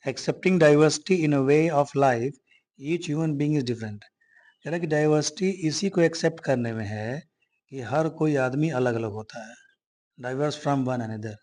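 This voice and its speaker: A man explaining a textbook chapter to students. He reads the English lines slowly and carefully, then explains them in with a steady, mid-pitched voice. He keeps asking rhetorical questions and answers them himself. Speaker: teacher.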